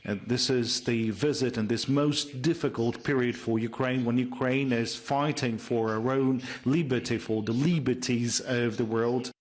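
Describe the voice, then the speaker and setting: A live interpreter voice: a man of middle pitch translating a speech simultaneously for a news broadcast. He speaks in halting bursts, filling gaps with hesitations as he catches up with the speaker. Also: fairly even intonation. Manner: halting, with frequent hesitation fillers.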